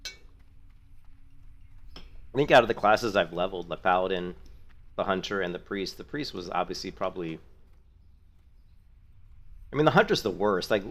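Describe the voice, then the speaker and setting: While gaming on stream, a middle-aged man with a sore throat makes friendly, rambling small talk and thanks his viewers. He speaks at a moderate pace in a low, slightly bright voice, leaving long pauses.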